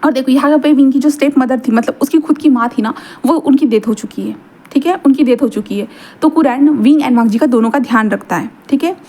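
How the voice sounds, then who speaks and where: A woman reading out a fan fiction story in a casual, chatty way, pausing to explain and repeat points and mixing English words into Hindi. Her voice is high-pitched yet dark and mellow.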